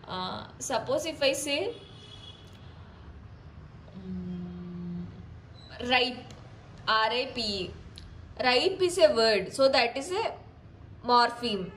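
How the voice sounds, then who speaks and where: A woman's voice: sits high, low-quality recording. A young woman, explaining exam notes in a casual lesson with examples and frequent restarts. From India. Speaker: tutor.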